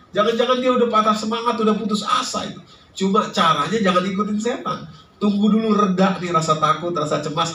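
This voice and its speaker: High-voiced male preacher in an echoey room. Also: sharp tone, slight background noise. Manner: addresses the audience directly, recites Arabic verses then explains. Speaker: Islamic preacher. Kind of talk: sermon at a religious study gathering. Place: restaurant lounge hall. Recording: roomy echo from a distant mic, faint ambience.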